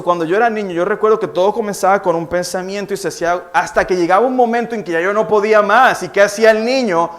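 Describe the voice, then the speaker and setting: A young Colombian pastor with a high voice preaches in a church. He tells his stories vividly, and he keeps asking questions and answering them himself. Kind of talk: sermon. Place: church hall.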